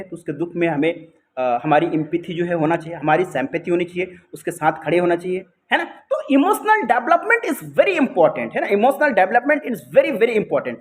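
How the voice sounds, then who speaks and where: A man's voice: high voice, lively intonation, fairly quick. A man with an Indian accent giving a lecture as a teacher, often adding tag questions and mixing in English phrases.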